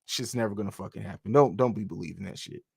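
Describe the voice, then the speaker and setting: This podcast host grew up on a US military base in Germany and talks basketball casually and bluntly, rambling and restarting his sentences while reading the chat. His fairly low voice is gravelly and husky, and he speaks fast. The studio-quality recording has no echo.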